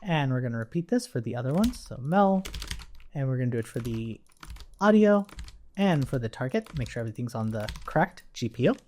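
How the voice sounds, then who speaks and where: Speaking very fast is not the case here; this instructor talks a little quickly in a medium-pitched, very animated voice with a darkish tone. Typing is heard behind the informal live-coding tutorial at a computer indoors, where he thinks aloud and keeps checking in with "right?" over slight background noise.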